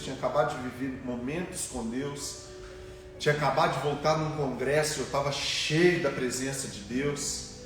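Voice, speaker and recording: A young Brazilian man preaching a testimonial sermon, telling a story and acting out the voices he quotes. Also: on the high side. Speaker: pastor. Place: church sanctuary. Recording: echoey church hall, distant mic, faint music.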